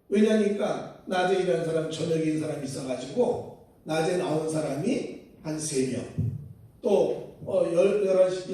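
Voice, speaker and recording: Male pastor preaching, high voice that swoops around a lot, booming church echo, sounds far from the mic. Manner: storytelling with lively acted-out quotes. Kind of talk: sermon. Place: church sanctuary. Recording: echoey church hall from far off.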